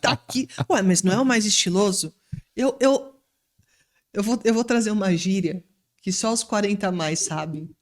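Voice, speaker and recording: A woman's voice: medium pitch, normal speed. A Brazilian woman hosting a business podcast, talking enthusiastically and teasing with irony. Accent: Brazilian Portuguese. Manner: enthusiastic, ironic when teasing. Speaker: podcast host. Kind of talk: lively podcast interview.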